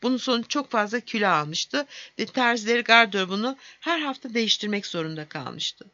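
A woman narrating a fantasy audiobook in a steady storytelling manner. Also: fairly high pitch, a little fast, no room sound, dull audio.

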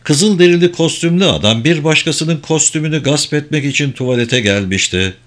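A man reading a crime novel aloud as a steady, even audiobook narrator. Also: a little high, normal speed. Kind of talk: scripted narration.

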